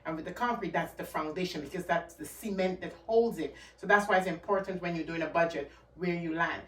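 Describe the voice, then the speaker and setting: Her voice is lowish and brisk: a Guyanese-accented woman from Guyana hosting a channel, delivering casual, earnest money advice to camera with emphasis and repetition. She's recorded from a distance in an echoey room.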